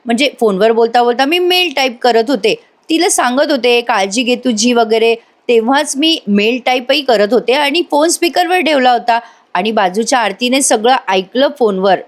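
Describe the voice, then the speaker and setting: A woman's voice: on the high side, natural voice. A woman voicing a young female coworker from a TV serial, who defends herself and pleads to be heard.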